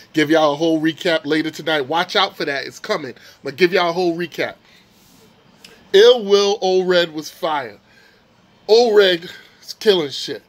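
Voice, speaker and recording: Brief: male vlog host, high voice, loose street-slang storytelling, hyped up. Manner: excited, slangy storytelling, swears a lot. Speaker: channel host recapping a rap battle. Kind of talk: casual vlog recap.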